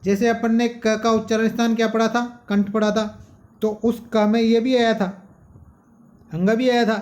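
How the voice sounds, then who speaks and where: A man's voice: very high voice, little pitch movement, normal speed. A man teaching a grammar lesson, dictating syllables one at a time, asking questions and answering them himself. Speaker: Sanskrit teacher.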